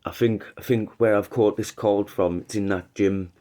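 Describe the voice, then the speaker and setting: A man with a low-leaning, steady, mellow voice speaks at normal speed while fighting a head cold. He runs a casual livestream, rambling over his opinions and frequently beginning again.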